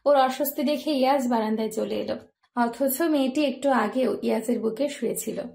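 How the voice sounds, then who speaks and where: A woman narrating a romance story in a soft, even storytelling voice. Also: fairly high pitch, normal speed, vocal fry.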